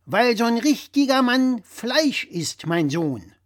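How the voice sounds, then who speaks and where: A man voicing a blustering, opinionated, old-fashioned father who lectures loudly and with emphasis. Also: very high-pitched, very animated, slow pace, dry recording, studio quality, pitched above the performer's own voice, heavily acted.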